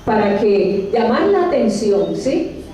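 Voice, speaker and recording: High-voiced woman pastor preaching. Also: very animated, mellow. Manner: slow, storytelling, asks the congregation questions. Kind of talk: sermon. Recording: echoey hall, voice from far off.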